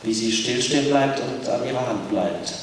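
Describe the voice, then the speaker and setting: A man interpreting live for an audience in a large indoor arena, talking quickly with frequent hesitations. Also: mid-range voice. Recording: echoey arena, distant mic, noise.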